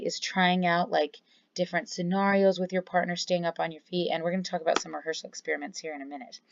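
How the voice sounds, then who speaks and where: Chatty woman teacher, low voice. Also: no room sound, dull audio. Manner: casual and chatty, checks in with students often. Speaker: theatre teacher. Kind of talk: classroom lecture.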